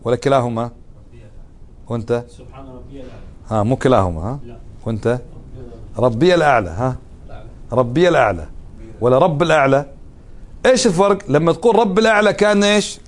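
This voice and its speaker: A man's voice: mid-range voice, lively intonation, fast talker, long pauses. A man teaching a religious lesson, often putting questions to his students. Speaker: Islamic teacher.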